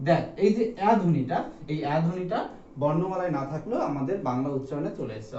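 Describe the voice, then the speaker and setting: A man's voice: fairly high pitch, darkish tone, a little hiss or hum. A male teacher giving a classroom lecture, counting items aloud and asking the class questions. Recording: echoey room, distant mic, dull sound.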